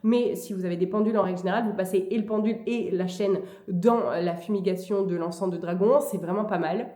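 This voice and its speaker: A woman talking casually and hesitantly in a vlog, with frequent pauses as she gives advice. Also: mid-range voice, mellow. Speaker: vlogger. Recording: echoey room.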